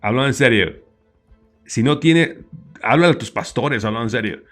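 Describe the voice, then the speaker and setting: Male host, hesitant casual remarks, average pitch, low music bed. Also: lively intonation, moderate pace, a bit bright. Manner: hesitant, stammering asides. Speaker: interview host. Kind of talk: casual interview chat.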